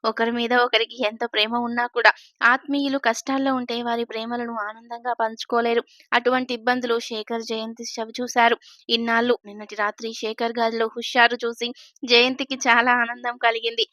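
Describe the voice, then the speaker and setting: A woman narrating a serialized family love story in an even storytelling manner. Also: on the high side, a little fast, dry recording, clean studio sound.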